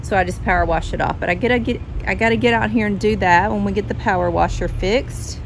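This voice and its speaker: A woman's voice: fast talker, noisy background. Chatty woman filming a home tour. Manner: chatty, talks to her dog in a high sing-song voice. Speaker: vlogger. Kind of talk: casual home tour vlog. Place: outdoor patio then inside a house. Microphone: phone held at arm's length.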